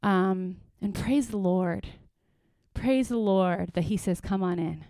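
A middle-aged woman pastor giving an earnest, lively workshop talk to parents, with praise asides and acted-out stories. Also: medium pitch, takes it slowly, dry recording. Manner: lively storytelling, acts out quotes with bursts.

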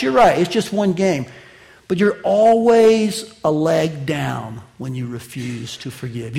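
A pastor preaching a conversational sermon to his congregation, swinging between loud, raised lines and quiet, slow asides, and joking with the listeners. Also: creaky. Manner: conversational preaching with wide swings of pitch and loudness; jokes with the congregation.

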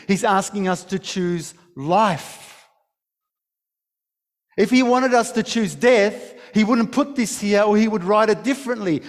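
A man's voice: high voice, long reverb tail. A man preaching a sermon, telling a story with emphasis and many restarts. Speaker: pastor.

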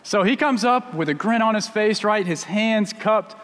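A man's voice: sits high, moderate pace, a bit bright, long reverb tail. A male pastor preaching a sermon, telling a story in a conversational way with frequent restarts.

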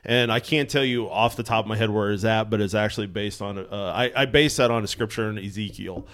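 A man's voice: on the low side, a little fast, a bit bright. A man on a podcast answering a theology question, searching for words and repeating himself as he goes. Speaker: podcast co-host. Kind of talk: casual theological discussion.

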